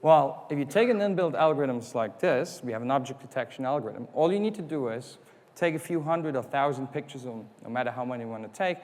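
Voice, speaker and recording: The keynote comes from a conference speaker, a man who is not a native English speaker, with an expressive, medium-pitched, slightly mellow voice and a fairly quick pace. He explains step by step, uses rhetorical questions and performs customer quotes. Recorded in a conference hall, it carries hall reverb.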